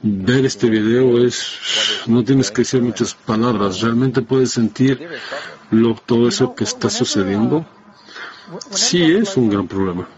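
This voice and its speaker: Slow, hesitant man on a dull recording. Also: mid-range voice, a crowd in the background. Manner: halting, hesitant, many restarts. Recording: dull lo-fi sound.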